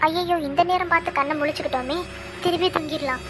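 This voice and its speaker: A woman voicing a quick-tempered cartoon mother who scolds and frets. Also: high voice, background noise, close to an everyday voice. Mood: scolding. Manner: scolding, fast and fretful.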